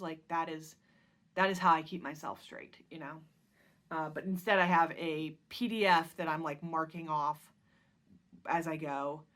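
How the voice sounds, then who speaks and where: Chatty woman, slightly low voice. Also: fairly bright tone. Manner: chatty, rambling, many ums and restarts. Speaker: cross-stitch vlog host. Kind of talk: casual show-and-tell chat. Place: at home.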